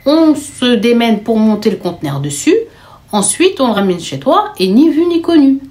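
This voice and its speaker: Woman putting on a scheming big sister, hushed, matter-of-fact, low and soft at times, storytime. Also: big pitch swings, normal speed. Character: cold, scheming eldest sister, young woman.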